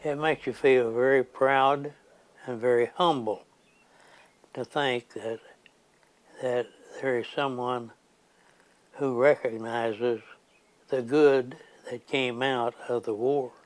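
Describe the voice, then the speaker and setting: Slow, rambling old grandpa storyteller. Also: male voice, mid-range voice, steady tone. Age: 90s. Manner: rambling, halting old grandpa telling a story, with pauses and restarts. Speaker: war veteran recounting his service.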